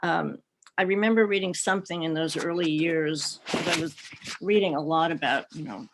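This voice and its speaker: A woman's voice: low voice, normal speed, background noise. Middle-aged woman telling her story. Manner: warm, reflective storytelling with light laughter. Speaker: panelist. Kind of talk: personal talk at an online panel.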